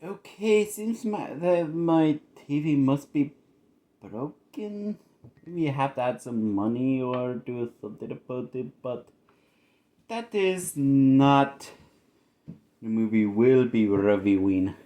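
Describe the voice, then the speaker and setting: A man drawls slowly through a comedic introduction, his words slurred as though he were drunk. His voice is dark and mellow. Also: mid-range voice, animated. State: acting drunk. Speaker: film reviewer.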